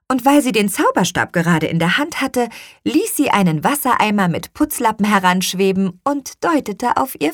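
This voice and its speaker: A woman reads a children's story aloud in an unhurried, expressive way. Her pitch moves lively through the sentences. The recording is dry and close. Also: no echo. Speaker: audiobook reader. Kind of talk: scripted children's story narration.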